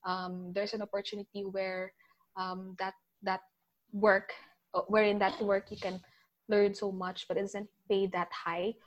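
A young woman in her twenties with a Filipino accent, a guest giving chatty big-sister advice and often trailing off softly. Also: medium pitch, flat delivery, unhurried, low-quality recording. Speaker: interview guest, older sister. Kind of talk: casual interview mixing English and Tagalog.

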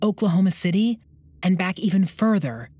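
A woman narrating a true-crime documentary in a measured, scripted delivery. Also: mid-range voice, expressive, warm tone, breathy edge, no room sound. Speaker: podcast narrator.

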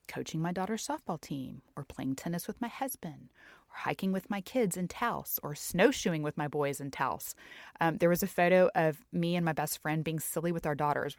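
Middle-aged woman, podcast host, low voice, dry booth sound, candid reflective chat. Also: no room sound. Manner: candid, reflective, conversational with fillers. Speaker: podcast host and health coach. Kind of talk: personal faith-based podcast talk.

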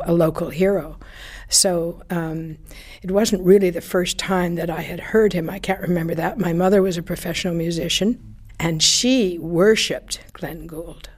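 A retired radio broadcaster, an older woman, chats through anecdotes about her time in radio during an interview, with fillers and small laughs. Her voice is husky and on the low side.

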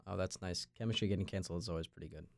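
A late-teens podcast host from Long Island, New York, delivers a scripted intro and then interviews guests in a casual, conversational way. His voice is deep and creaky, and he talks at a rapid-fire pace.

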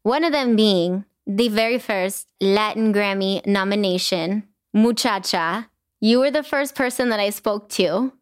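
A young woman hosting a podcast, chatting casually and gushing with warmth, slipping in Spanish phrases. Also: mid-range voice, a little slow, no echo, studio quality. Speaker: podcast host. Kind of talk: casual chat.

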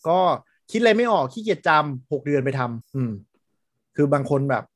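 A man's voice: fairly high pitch, expressive, normal speed, dry recording, clean studio sound. A man co-hosting a podcast in casual chat, rambling with fillers and laughing often. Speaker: podcast co-host.

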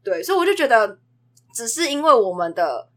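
A young woman, a preschool teacher telling classroom stories in a casual podcast chat, brisk and animated. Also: a little high. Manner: brisk, animated storytelling about classroom moments.

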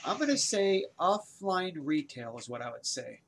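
A man with a somewhat higher voice chats casually as a co-host. He is blunt, reacts quickly and drops the odd curse while recording from home. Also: very animated, creaky, crowd noise. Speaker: podcast co-host. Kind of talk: casual chat about stocks. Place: home room with a window.

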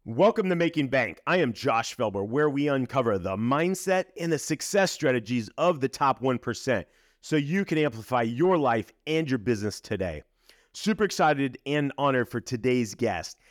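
A man's voice: mid-range voice, dry recording, studio quality. A man hosting a podcast, delivering upbeat, hyped introductions and interview questions. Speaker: podcast host.

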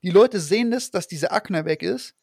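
A man's voice: sits high, animated, moderate pace, gravelly, darkish tone, husky, dry recording, studio quality. A man hosting a podcast, talking casually and rambling with many fillers and restarts. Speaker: podcast host. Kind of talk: casual conversation.

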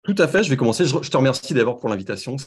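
A man's voice: medium pitch, big pitch swings, very fast, slightly rough. A man from France with a French accent, speaking as an interview guest and often repeating words as he searches for them. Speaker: podcast guest, sports website founder. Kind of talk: casual interview.

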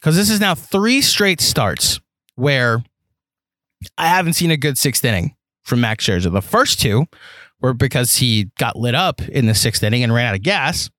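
A young man hosting a solo sports podcast, talking in an animated, rambling way with lots of fillers and restarts. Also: mid-range voice, normal speed, no echo. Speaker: podcast host.

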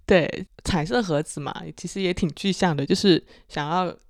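A woman's voice: lowish voice, normal speed, a little mellow, dry recording, studio quality. Woman podcaster with a Teochew accent. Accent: Teochew (Chaoshan). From Chaoshan, Guangdong, China. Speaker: podcast co-host. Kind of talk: casual podcast chat.

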